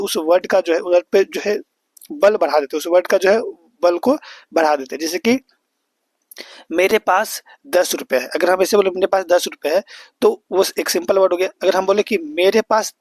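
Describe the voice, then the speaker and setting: A young male tutor, his voice pitched high, walks his students through an exam-prep grammar lesson one step at a time. He keeps checking that they are following as he goes. The recording is close and dry, with no room sound. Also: dry recording. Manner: explains step by step, repeats and checks with "है ना". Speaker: teacher.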